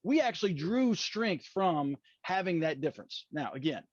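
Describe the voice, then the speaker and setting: Hosting a podcast interview, a man from West Virginia speaks with an Appalachian accent, meandering folksily and often correcting himself. His pitch is fairly high and very animated at a normal speed. The recording is muffled, dull and lo-fi, with no room sound.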